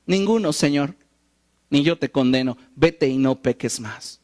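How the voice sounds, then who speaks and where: A man preaching a sermon, animated and wry, acting out the quoted lines he tells. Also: on the high side, measured pace. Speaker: pastor.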